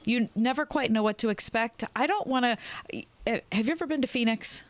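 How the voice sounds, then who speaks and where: A woman's voice: on the high side, a little fast, no echo. Opinionated woman. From Pittsburgh area, USA. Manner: opinionated, exclaiming reactions. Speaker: radio co-host. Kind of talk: casual radio banter.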